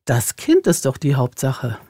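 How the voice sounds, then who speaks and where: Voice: medium pitch, huge pitch swings, mellow, dry recording, studio quality, pitched below the performer's own voice, exaggerated voice. A narrator voicing a dim, sluggish ox. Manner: slow, sluggish. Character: dim, slow old ox.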